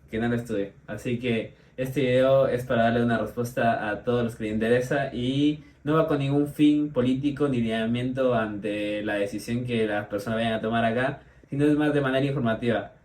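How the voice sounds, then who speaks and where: A man in his twenties from Ecuador hosts a podcast, giving an informative explainer in a medium-pitched, somewhat dark voice. He sounds hesitant, with frequent fillers and restarts.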